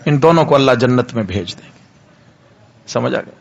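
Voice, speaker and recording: A male mufti delivering a sermon, emphatic and repetitive, slowing right down to draw out recited verses. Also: mid-range voice, lively intonation, gravelly, highs cut off. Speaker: mufti preacher.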